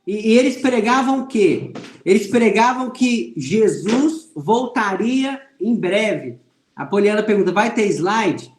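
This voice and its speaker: A man's voice: high-pitched, expressive, a little slow, reverberant. A Brazilian man teaching an online Bible class, telling a personal testimony and speaking earnestly to his listeners as brothers. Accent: Brazilian Portuguese. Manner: earnest, speaks to viewers as "irmãos". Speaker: religious teacher.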